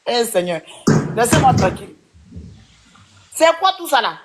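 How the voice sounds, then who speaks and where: A woman's voice: on the high side, sing-song, a little slow, heavy background noise. A woman on a live-stream panel, scolding and insistent and repeating her points.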